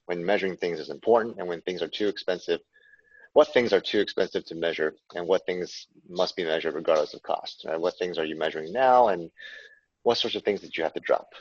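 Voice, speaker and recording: A man's voice: low-pitched, a little mellow, breathy edge, dry recording, muffled recording. A man moderating a webinar, politely reading out questions from the queue.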